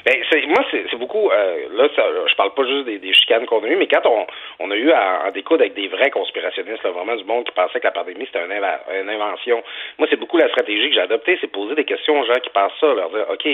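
A man with a Quebec French accent talks quickly and loosely, piling on fillers as he tells his stories. His voice comes through husky and narrow, like a phone line. He keeps the tone conversational. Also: lowish voice, animated. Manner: quick, talkative, storytelling with many fillers. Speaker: radio commentator. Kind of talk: casual radio chat.

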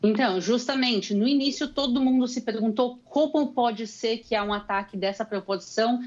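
Her voice sits on the high side, darkish in tone and at a normal pace, carried over a lo-fi remote call. She's a young gaúcho woman from Rio Grande do Sul living in Israel, earnestly explaining events as a commentator in a call-in interview.

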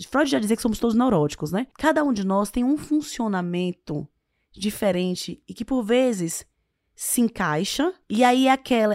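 A woman's voice: medium pitch, no echo, studio quality. A woman, an author answering interview questions with advice and leaning hard on key words. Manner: expressive, stressing words as she explains. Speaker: author and guest.

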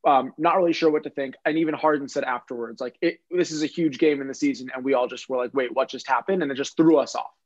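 A man's voice: medium pitch, quick pace, hardly any pauses. Teasing man on a lo-fi mic. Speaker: sports podcast co-host. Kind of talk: casual sports talk.

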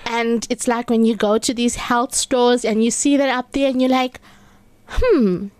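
Higher-voiced Durban Indian woman, radio co-host. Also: fairly even intonation, moderate pace, darkish tone, clear, resonant tone, dry recording. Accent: Durban Indian South African. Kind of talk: casual talk radio chat.

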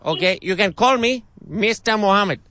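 A man's voice: high-pitched, animated, moderate pace, pushed and bright, no echo. A man voicing an irate middle-aged customer in a prank phone call, pushy and indignant, with broken grammar.

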